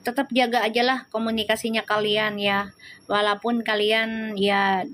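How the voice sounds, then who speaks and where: A woman's voice: mid-range voice, flat delivery, moderate pace, a bit bright. A woman hosting a live tarot reading, chatting and teasing her viewers as she reads their comments. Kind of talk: casual live-stream tarot reading and chat.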